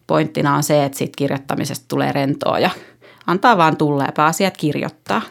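A woman reading her own poems aloud in a slow, measured and even way, pausing between lines. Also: low-pitched, vocal fry. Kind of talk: poetry reading.

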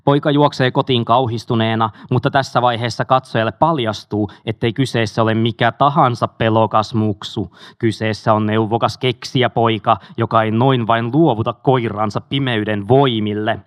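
A man reads a memoir aloud at a steady, measured pace. His voice sits at an ordinary middle pitch, and he drops into a few casual asides. The sound is dry and close, with no room around it. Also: dry recording. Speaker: audiobook reader.

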